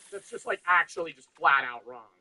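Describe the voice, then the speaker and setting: A man's voice: on the high side, sharp tone, slight background noise, low-quality recording. A young man streaming, chatting casually, rambling and swearing with frequent laughs. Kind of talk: casual chat.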